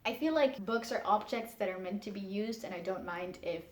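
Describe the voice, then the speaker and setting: Talking to camera at home, this young woman, a book vlogger whose first language is Dutch, keeps her English in a low register and moves along fairly quickly. She is chatty and frank as she answers tag-video questions, laughs a lot, and turns things down with emphatic refusals. The sound is roomy.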